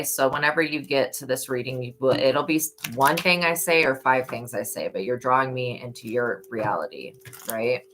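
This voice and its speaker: On poor audio, a tarot reader leads a live-stream session in a strikingly deep voice with a hoarse edge from yelling and a fairly bright tone. She is earnest and motherly in her reminders, turning preachy when she discusses faith.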